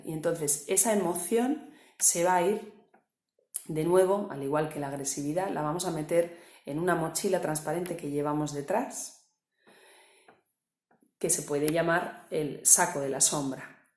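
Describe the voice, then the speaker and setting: A woman coach, calmly explaining a topic with examples and often checking with the listener. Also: low voice, a little slow, roomy sound. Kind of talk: explanatory talk to camera.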